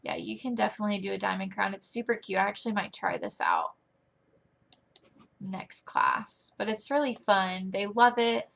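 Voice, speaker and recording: A young woman explaining online English teaching in a chatty tutorial, often using a high, playful teacher voice. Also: very animated, moderate pace, gravelly, a bit bright. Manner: chatty, demonstrates teacher lines in a high, exaggerated sing-song. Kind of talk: casual screen-recorded tutorial.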